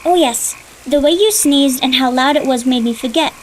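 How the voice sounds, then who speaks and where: A woman's voice: sits high, normal speed, slight background noise, lightly acted, poor audio. A woman voicing an older sister in a dubbed cartoon, patiently explaining things to her little brother. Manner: explaining, gently teaching, a little impatient.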